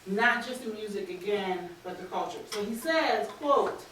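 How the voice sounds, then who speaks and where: A woman's voice: mid-range voice, expressive, a little slow, a bit bright, slight background noise. A woman in her thirties giving a conference talk at a lectern microphone, speaking earnestly with frequent ums. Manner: earnest lecturing with frequent ums, reading quotes aloud. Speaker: academic speaker. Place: lecture hall, standing at a lectern. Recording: very echoey hall, heard from a distance.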